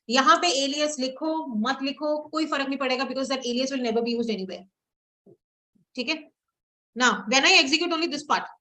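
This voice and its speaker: Over poor audio, a woman with a high, bright, forceful voice leads a live SQL coding session on screen recording. She blends Hindi with English and tests her students with questions as she types out queries.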